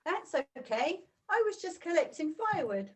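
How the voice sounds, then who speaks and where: A woman's voice: very high voice, big pitch swings, normal speed. A woman playing a sweet, polite young heroine in a pantomime. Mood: friendly, curious. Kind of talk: pantomime acting.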